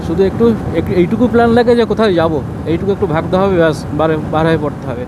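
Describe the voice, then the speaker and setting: A man with a high-pitched voice talks fast, casually narrating a travel vlog and explaining things informally as he gives route advice. Road and vehicle noise fill the recording outdoors.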